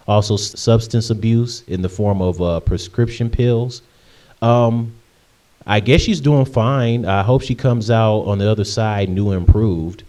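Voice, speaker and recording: A young man in his late twenties with a lowish, mellow voice answers viewer questions in a relaxed vlog. He talks in a chatty, rambling way, repeating himself and filling pauses with ums. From Michigan, USA. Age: 20s. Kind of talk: casual Q&A vlog.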